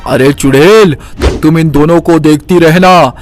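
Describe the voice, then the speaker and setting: A man voicing a gruff, boastful male demon in a cartoon who wants to eat two children. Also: fairly high pitch, measured pace, faint music behind, close to an everyday voice. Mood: mocking.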